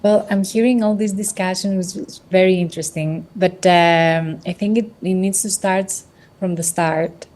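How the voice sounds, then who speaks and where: Earnest Greek-raised woman, mellow low voice. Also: steady tone, normal speed. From Greece. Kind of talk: panel discussion.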